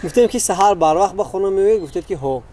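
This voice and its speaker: A man's voice: sits high, animated, warm tone, slight background noise. Playful Tajik-accented male host. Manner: playful, laughing often, explaining game rules. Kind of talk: casual comic quiz segment.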